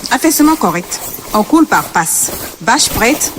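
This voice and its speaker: A woman's voice: a little high, big pitch swings, a little slow, fairly bright tone, big-room sound, slight background noise. A woman in a radio drama playing an exacting, authoritative construction site manager who is also a mother. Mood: firm. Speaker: actor in a French radio drama.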